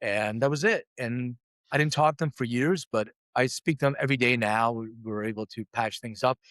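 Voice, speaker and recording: He speaks a little fast in a mid-range, fairly bright voice, with no room sound. The speaker is a middle-aged man from Lithuania who was raised in Philadelphia, a company CEO guesting on an interview, telling his life story openly, self-deprecatingly, and with acted-out quoted voices.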